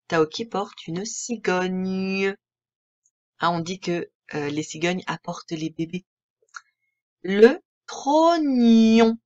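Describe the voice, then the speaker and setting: A woman with a French accent, teaching a reading lesson to young children in a slow, clear, patient way that spells out each word. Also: medium pitch, lo-fi sound. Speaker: primary school teacher.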